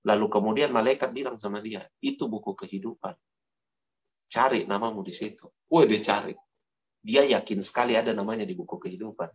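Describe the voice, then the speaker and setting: Animated male youth preacher. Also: medium pitch, gravelly, dull audio. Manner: animated, lively, laughs often. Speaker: youth pastor. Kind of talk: sermon with storytelling.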